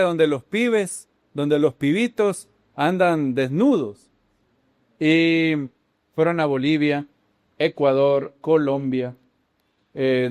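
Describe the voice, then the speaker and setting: A man preaches with lively storytelling, his voice leaping high to stress a point. His pitch sits a little above the usual for a man, and the sound is close and dry with little room echo. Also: clean tone. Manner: animated storytelling, voice jumping high for emphasis. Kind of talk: sermon.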